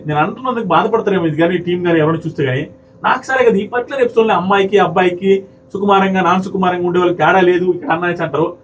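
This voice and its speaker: Male commentator, high and rapid, argumentative, acts out quotes; slightly distant mic with faint ambience. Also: a little hiss or hum. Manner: heated, argumentative, mimics quoted speakers. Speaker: commentator reviewing a reality show episode. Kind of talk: fast opinionated commentary to viewers.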